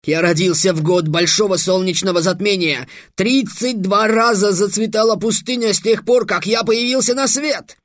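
A petulant tyrant-mage in an audiobook, shrieking in a high, strained voice like a spoiled child, as a male reader puts him on. Close and dry, with no room sound. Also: moderate pace, few pauses, a bit bright, no echo. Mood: indignant. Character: childish tyrant warlord mage, man in his thirties.

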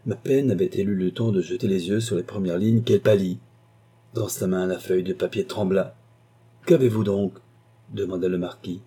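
A man giving a measured, scripted audiobook narration. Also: low-pitched, mellow, slightly rough.

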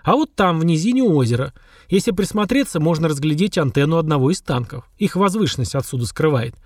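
A man's voice: fairly high pitch, expressive, fast, dry recording, clean studio sound. A man reading the part of a blunt, fearless veteran army sergeant in an audiobook, with a confident, plain-spoken manner. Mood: reporting.

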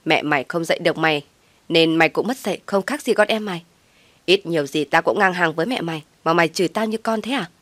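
Woman doing a nasty old mother-in-law, yelling insults, dry close sound. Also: lowish voice, quick pace, no echo, lightly acted. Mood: scolding. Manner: scolding, abusive. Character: spiteful shrill older mother-in-law.

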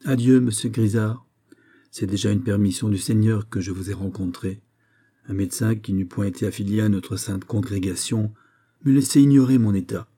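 A man playing a dying old Jesuit general who speaks sternly and imperiously, with a husky voice. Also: on the low side, mellow.

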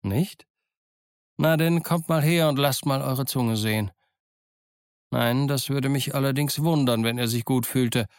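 Stern ship's doctor, read by a man, dry brisk scolding, close dry sound. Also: medium pitch, no room sound, close to an everyday voice. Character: stern calm middle-aged male ship's doctor.

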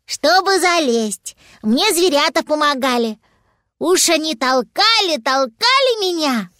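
Casual: lady doing a squeaky happy baby dragon boy, chirpy and carefree, dry close sound. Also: very animated, a little slow, pushed and bright, no room sound, full character voice. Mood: cheerful. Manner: high, eager and chirpy. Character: excitable little boy dragon, cheerful and carefree.

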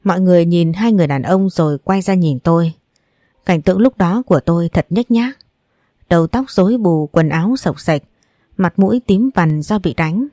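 A woman reading a novel aloud in first person, in a steady, even storybook narration. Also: lowish voice, normal speed, no room sound, studio quality. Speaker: audiobook narrator.

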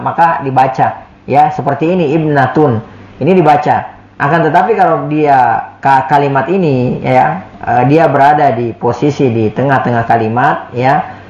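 A man teaching an Arabic lesson at an unhurried pace, patient and repetitive, with a steady mid-range voice. The recording is echoey and dull, like a lo-fi room capture. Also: a little high. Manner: patient, repeats words and says "ya" often. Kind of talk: classroom lesson, explaining Arabic in Indonesian.

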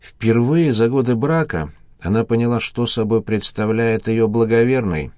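A man narrating a detective novel as an audiobook, in an even, measured reading. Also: medium pitch, no room sound, studio quality.

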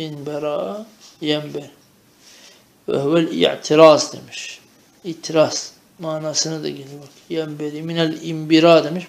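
A man's voice: on the high side, vocal fry, roomy sound. A man teaching a traditional madrasa-style Arabic lesson, chanting verb conjugations in rhythmic drills and explaining them in Turkish, often checking with "değil mi?".

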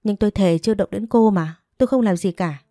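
A woman's voice: mid-range voice, brisk, mellow, no room sound, studio quality, faint music behind, natural voice. A woman voicing a young male interpreter who protests his innocence with indignation. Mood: desperate protesting.

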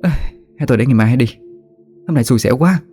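A man's voice: mid-range voice, expressive, fast, mellow, slightly rough, soft background music, voice pushed up. A man voicing a young village mother who speaks firmly in her family's defence. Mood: weary. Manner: protective, firm.

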